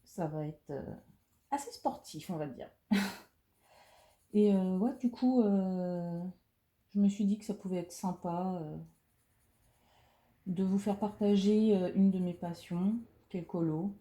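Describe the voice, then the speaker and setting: A thirty-year-old woman chatting casually while she colors, speaking softly and hesitantly with lots of fillers, into a phone beside her head. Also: medium pitch, slow pace, pauses often. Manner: soft-spoken, hesitant, many fillers. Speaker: coloring vlogger. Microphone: phone camera right beside her head. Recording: roomy echo.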